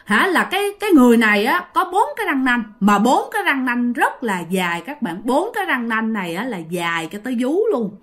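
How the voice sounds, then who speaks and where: A woman's voice: a little high, big pitch swings, a little fast, hardly any pauses, a bit bright. A woman with a Southern Vietnamese accent telling a ghost story in a chatty way, often turning to her listeners. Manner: conversational, addresses listeners directly.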